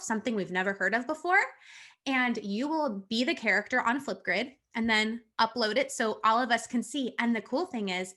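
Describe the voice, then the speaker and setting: A woman's voice: fairly high pitch, sharp tone. A woman teacher giving students instructions in an upbeat, encouraging way, her voice jumping up at the ends of her sentences.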